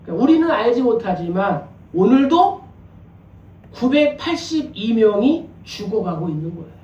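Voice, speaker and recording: A man's voice: high voice, big pitch swings, normal speed, darkish tone, lo-fi sound. A male pastor preaching a sermon in a conversational way, asking rhetorical questions and joking with the congregation. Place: church sanctuary. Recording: echoey church from a distance.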